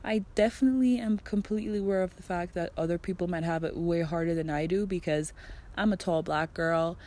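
A woman's voice: lowish voice, a little fast, darkish tone. A woman in her twenties from Germany, telling a casual vlog story in a chatty way, full of "like" and acted-out back-and-forth dialogue. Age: 20s. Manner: chatty, fills speech with "like" and "I'm like", acts out quoted dialogue. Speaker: vlogger.

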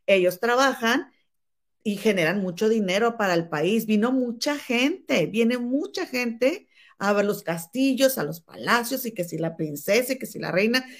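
Female interview host, conversational and familiar with her audience. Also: mid-range voice. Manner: chatty, addresses listeners familiarly. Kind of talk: conversational live interview in Spanish and English.

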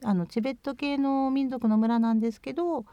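A Japanese woman in her fifties from Chiba, a former overseas volunteer appearing as a guest, answers interview questions thoughtfully and hesitantly with lots of fillers. Her high, steady, warm voice is fairly quick, and the clean audio has no echo but sounds dull.

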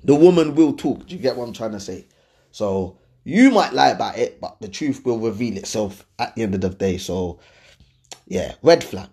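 This dating and lifestyle host speaks at a normal speed in a voice on the low side, darkish in tone, with lively intonation. He has a London accent and gives his opinions to viewers in a slangy, chatty way, frequently making sure they're keeping up.

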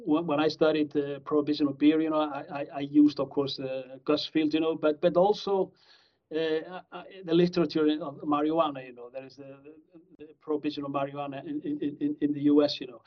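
Fairly high-pitched and a bit fast, this middle-aged Icelandic professor's delivery stays flat as he answers interview questions about criminology. He rambles, restarting often and leaning on fillers, and the lo-fi recording is slightly dull.

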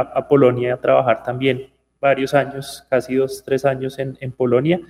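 A Colombian man talks through his career as a radio guest, pausing and restarting as he thinks. His pitch stays flat and even. A long reverb trails his voice. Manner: thoughtful, with frequent restarts. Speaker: guest, company founder. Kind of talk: radio interview.

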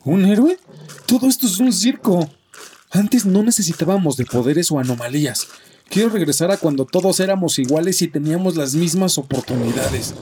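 A man's voice: a little high, moderate pace, warm tone, slight background noise, lightly acted. A man acting a stressed, stubborn zoo owner in an audio drama, earnest and exasperated. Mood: bitter, firm.

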